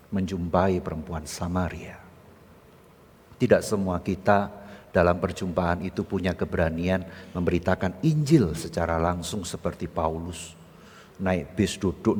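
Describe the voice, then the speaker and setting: A man pastor with an East Javanese accent preaching a storytelling sermon, often acting out dialogue with big jumps in pitch. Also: darkish tone, husky. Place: church sanctuary. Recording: echoey church hall.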